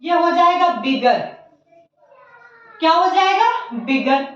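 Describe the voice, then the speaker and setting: A woman teaching an English grammar lesson, repeating key words slowly and putting questions to her students, mixing Hindi with English terms. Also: very high-pitched, lively intonation, a bit bright. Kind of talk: classroom lesson explaining grammar. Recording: echoey, distant, dull lo-fi sound.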